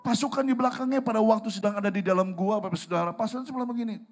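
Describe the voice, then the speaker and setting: High-voiced male pastor preaching. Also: very fast. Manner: storytelling, asks the congregation questions. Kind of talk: sermon. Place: church service.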